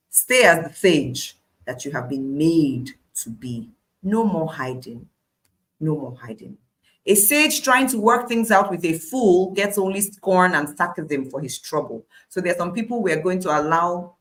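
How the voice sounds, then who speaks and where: A woman's voice: lowish voice, a bit bright. A woman with a Nigerian accent preaching a devotional Bible study in an emphatic, declarative way, repeating phrases for weight.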